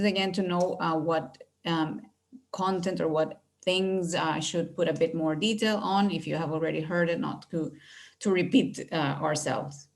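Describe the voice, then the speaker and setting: A middle-aged Venezuelan woman who directs university recruitment presents online over a video call. Her fairly low voice sounds friendly and measured, and she uses frequent fillers.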